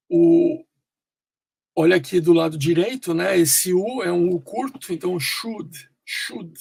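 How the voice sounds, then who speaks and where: A man teaching English pronunciation online, explaining slowly with many fillers and pauses. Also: a little high, vocal fry, a little mellow, breathy edge, dry recording.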